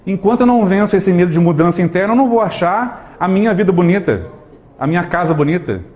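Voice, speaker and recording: A Brazilian man speaks to a live audience in a motivational talk, with a fairly high voice for a man. He keeps throwing rhetorical questions at the room and acts out small everyday scenes with lively energy. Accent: Brazilian Portuguese.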